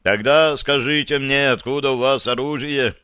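A man voicing a stern, loud army sergeant who interrogates a private with slow, heavy commands in a dry, close recording. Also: medium pitch, fairly even intonation, clear, resonant tone, no room sound, natural voice. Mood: commanding. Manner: barking orders slowly and sternly.

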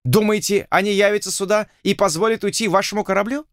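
A man voicing a haughty, high-strung English lord, the king's envoy, who talks in an indignant, pompous way. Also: fairly even intonation, fast, fairly bright tone, clear, resonant tone, no echo, clean studio sound.

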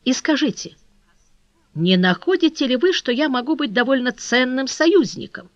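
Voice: high-pitched, big pitch swings, normal speed, no room sound, voice pushed up. A sly, scheming baronet, as an audiobook reader puts him on, dry and laconic, dropping his voice and drawing out his words. His tone stays impassive and mocking. The recording is dry and a little dull. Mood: coolly scheming. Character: cold sly scheming male English baronet. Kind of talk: audiobook character reading.

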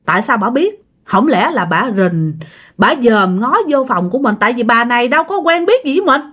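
A woman's voice: a little high, big pitch swings, brisk, fairly bright tone. A woman narrating a ghost story in a chatty way, talking straight to the listeners. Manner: chatty, addresses listeners directly.

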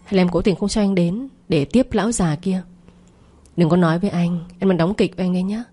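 Woman doing jealous young man, coarse, wheedling, low mellow voice, audio story. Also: a little fast, slightly rough. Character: jealous, crude young male lover.

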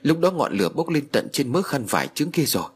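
A man's voice: fairly high pitch, big pitch swings, a little fast, husky, voice pushed up. A man voicing a middle-aged woman lamenting her dead mother in a tearful, pleading way. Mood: anxious. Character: grieving middle-aged daughter wailing over her mother.

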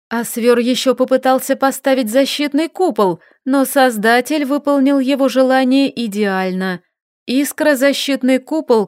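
A woman giving a lively, expressive scripted narration of a fantasy novel. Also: high voice, clear, resonant tone, dry recording, clean studio sound. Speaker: audiobook narrator.

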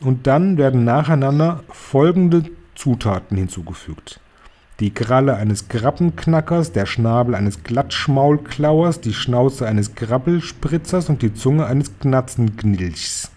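A man's voice: mid-range voice, animated, takes it slowly, warm tone. A man voicing a domineering, scornful female head witch who lectures with commanding authority in an audiobook reading.

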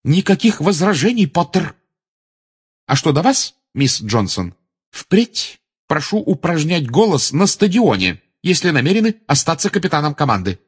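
A man's voice: medium pitch, big pitch swings, normal speed, husky, voice pushed up. A man doing a stern, clipped older female professor. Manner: strict, clipped, acerbic. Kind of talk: audiobook character voice.

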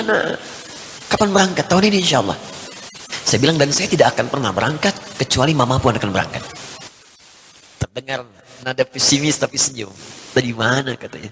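A male preacher telling a personal story to an audience, speaking straight to the listeners and rising in pitch as the emotion builds. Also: creaky, fairly bright tone. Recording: hissy, reverberant hall recording.

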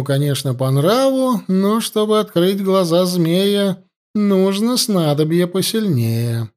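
A cruel, scheming high priestess, mocking and cold, her voice pitched high and swinging widely as she taunts her captive, as a man puts her on. She speaks with icy command in this storybook reading. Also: a little mellow.

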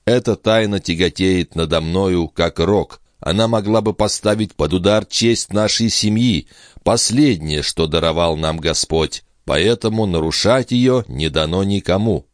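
A man's voice: low voice, unhurried, dry recording, clean studio sound. A man reading an audiobook and voicing a young nobleman as a protective brother, in a solemn, restrained, consoling voice. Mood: grave. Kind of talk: audiobook character voice.

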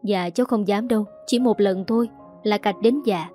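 A woman's voice: medium pitch, moderate pace, dark tone, faint music behind, lightly acted. A woman voicing a remorseful young man. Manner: apologetic, choked.

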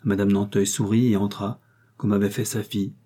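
Low husky male audiobook narrator. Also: flat delivery, brisk, warm tone. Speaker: audiobook reader. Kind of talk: scripted narration of a novel.

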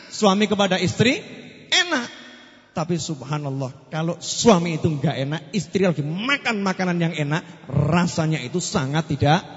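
A male preacher with a Javanese accent gives a playful sermon and keeps tossing questions to the congregation. His voice sits high. The recording is dull and lo-fi, with a long echo from a big hall. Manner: joking, asks the audience questions, mixes in Javanese phrases.

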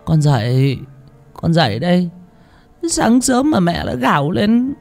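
A man's voice: sits high, very animated, unhurried, creaky, a little mellow, faint music behind, voice pushed up, exaggerated voice. A man doing a whiny spoiled teenage girl. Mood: sulky. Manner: whiny, pouting talk-back. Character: lazy, cheeky teenage girl, spoiled and sulky.

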